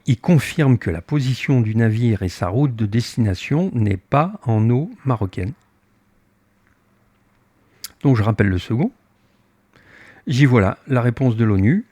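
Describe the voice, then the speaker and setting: A man's voice: medium pitch, dry recording. An older man, a sailboat captain, recounting his voyage and acting out his own heated exchanges in casual spoken storytelling. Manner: animated, acts out his own heated dialogue.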